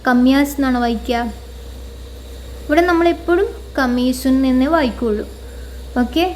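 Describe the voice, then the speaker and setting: A woman teaching an online Arabic lesson over slides, explaining patiently and repeating each phrase slowly. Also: high-pitched, a little mellow, slight background noise.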